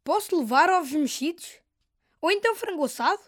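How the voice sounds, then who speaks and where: Brief: eager little boy, played by a woman, European Portuguese accent, very high voice, dry close sound. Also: animated, a little fast, fairly bright tone, no echo. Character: eager young boy, son. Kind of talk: scripted dialogue for a listening test.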